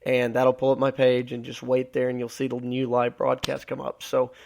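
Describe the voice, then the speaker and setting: Guy hosting his podcast alone, voice going raspy and tired, rambles with lots of uhs, gravelly. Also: mid-range voice, monotone, moderate pace, a little mellow. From Alabama. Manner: rambling with many filler words. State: losing his voice. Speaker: podcast host. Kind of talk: solo live podcast talk.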